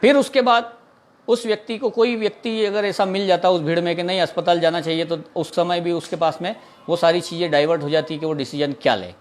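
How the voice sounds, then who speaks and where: With a high, steady voice and a brisk pace, an Indian snake catcher earnestly responds to a viewer's question. The talk is informal, full of repetition, with English words mixed in.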